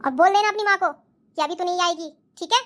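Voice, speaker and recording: A domineering mother-in-law from a cartoon, scolding her daughter-in-law sternly, as a woman voices her. Her tone is bossy, and the voice is very high and bright. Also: fast. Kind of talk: cartoon voice acting.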